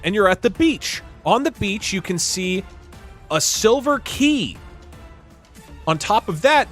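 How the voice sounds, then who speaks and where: A man's voice: sits high, a bit bright. A man giving casual, joking commentary while playing a game, laughing often. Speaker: streamer.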